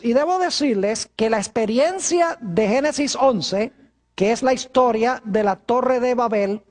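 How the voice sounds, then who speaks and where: Woman, preacher, televised Bible study sermon, formal and measured, slightly high voice. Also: darkish tone. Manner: formal, measured, slows to stress scripture verses.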